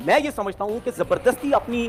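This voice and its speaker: Pakistani guy on a tv debate panel, high voice, keeps butting in. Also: animated, a little fast. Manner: interrupting, insistent. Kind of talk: heated TV debate.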